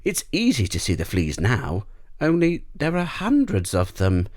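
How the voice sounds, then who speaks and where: A man's voice: mid-range voice, wildly swooping pitch, measured pace, darkish tone, pitched above the performer's own voice. Little storybook monkeys, played by a man, with the voice pushed up well above his own. They sound busy, eager and fussing, keen to please. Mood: amazed, eager. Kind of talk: storybook character voice.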